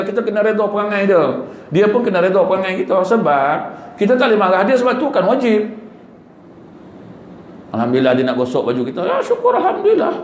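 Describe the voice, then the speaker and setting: A man with a Malaysian Malay accent giving a humorous religious talk in a prayer hall, joking and acting out little dialogues. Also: sits high. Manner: joking, animated, acts out dialogue. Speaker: preacher. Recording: echoey hall with faint noise.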